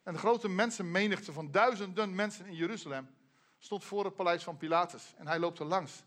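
Male preacher, fairly high voice, earnest storyteller, slows down on key names, trails off low and soft. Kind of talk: sermon, retelling a Bible story.

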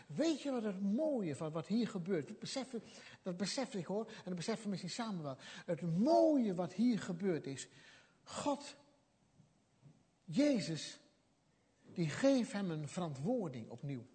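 A man's voice: sits high, very animated, unhurried, long pauses, warm tone, breathy edge. A man preaching a sermon, telling the story with animation and acting out what people said.

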